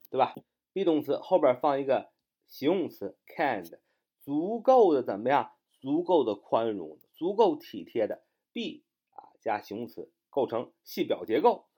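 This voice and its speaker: A man teaching an English grammar lesson in Chinese, explaining step by step with many fillers and reading his English examples slowly and carefully. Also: medium pitch, mellow. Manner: spells words letter by letter, slow deliberate English examples; frequent fillers, explanatory and repetitive.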